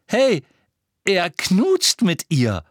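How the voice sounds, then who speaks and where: A man voicing an excitable young boy who talks breathlessly, bursting with news, in an audiobook reading. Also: medium pitch, moderate pace, slightly rough, no echo, studio quality. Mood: excited. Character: excitable boy, eager and loud.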